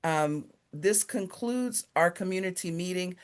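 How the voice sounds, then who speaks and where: A woman with a low voice hosts a virtual neighborhood meeting. She sounds upbeat and a little playful, and she spells out details slowly and carefully for her listeners. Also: expressive. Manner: upbeat, joking, reads numbers slowly and clearly. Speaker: community meeting host.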